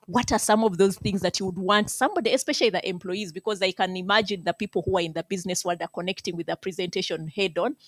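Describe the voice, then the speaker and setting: A woman's voice: on the low side, no echo. A woman moderating a webinar panel, asking long, flowing questions.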